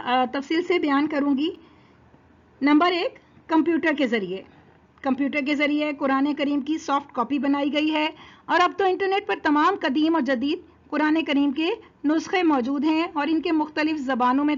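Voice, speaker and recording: High-voiced woman giving a religious lesson. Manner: steady explanatory delivery with numbered points. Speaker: religious lecturer. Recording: dull lo-fi recording.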